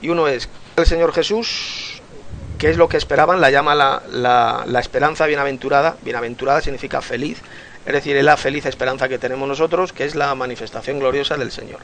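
A man's voice: mid-range voice, fairly even intonation, fairly quick, fairly bright tone, slight background noise. A man leading a Bible study, explaining passages earnestly and repeating key words for emphasis. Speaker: Bible teacher.

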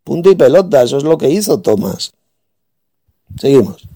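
A man's voice: mid-range voice, big pitch swings, moderate pace, dark tone. A man from in a heated religious debate, combative and insulting, hammering his points home with repetition.

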